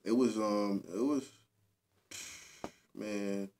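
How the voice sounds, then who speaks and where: A man's voice: on the low side, fairly even intonation, extremely slow, a little mellow, slight background noise. A young man from Boston, a rapper guest chatting casually in an interview, laid-back and always asking "you know what I'm saying".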